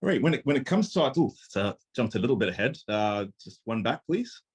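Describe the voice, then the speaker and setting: A man's voice: medium pitch, sing-song, quick pace, husky. A man from Zimbabwe, a startup founder and CEO, giving an earnest, conversational conference presentation over a video call.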